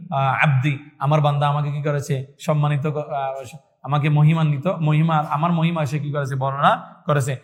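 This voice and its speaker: A man's voice: on the high side, in a large hall. A male Islamic teacher giving a religious lesson, asking questions and answering them himself, repeating key points and chanting Arabic verses. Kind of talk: religious lesson in call-and-response.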